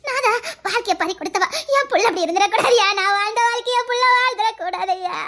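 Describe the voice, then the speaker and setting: Someone doing Kothambari, a shrill wailing village aunt. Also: fairly quick, pushed and bright, heavily acted. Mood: fake wailing. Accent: Tirunelveli Tamil. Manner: melodramatic wailing, sly asides. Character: scheming middle-aged aunt Kothambari, wailing fake tears. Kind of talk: comedy skit acting.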